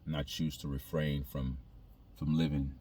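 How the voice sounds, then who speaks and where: Very deep-voiced man thinking aloud. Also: little pitch movement, mellow, breathy edge. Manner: halting, reflective, repeats phrases as he thinks aloud. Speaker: video creator. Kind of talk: casual spoken monologue to viewers.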